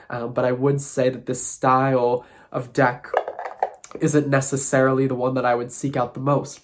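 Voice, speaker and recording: A man whose voice sounds nasal and congested from sinus trouble talks through a casual vlog. His delivery is thoughtful and musing. His pitch stays fairly flat and even throughout. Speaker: tarot content creator.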